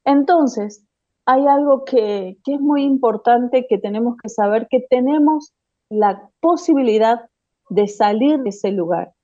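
A woman hosts a spiritual talk and hands over to her guest in a measured way. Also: on the high side, dark tone, no room sound, highs cut off. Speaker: host.

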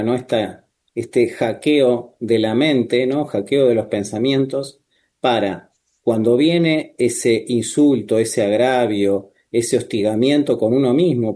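Calm male therapist with a mellow voice. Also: mid-range voice. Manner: measured, with frequent tag questions. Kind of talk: calm explanatory talk.

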